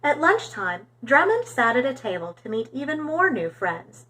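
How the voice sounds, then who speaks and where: A woman with a high voice reads a storybook aloud to young children at a moderate pace, telling it expressively and with animation.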